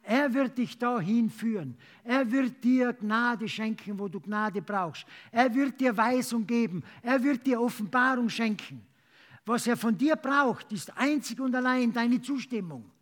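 A man preaching and praying as in a sermon, urging emphatically with repeated phrases and halting at times to search for words. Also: very high voice, fairly bright tone. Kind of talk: sermon with altar call and prayer.

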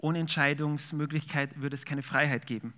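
A man's voice: a little high, steady tone, moderate pace, pushed and bright. A man preaching a sermon, reading scripture aloud and then explaining it in a conversational way with fillers. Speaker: pastor.

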